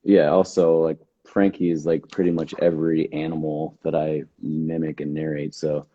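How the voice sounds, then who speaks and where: Very deep, dark-voiced male host. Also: level tone, normal speed, no echo, highs cut off. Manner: easygoing, uses slang and fillers. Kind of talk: casual livestream chat.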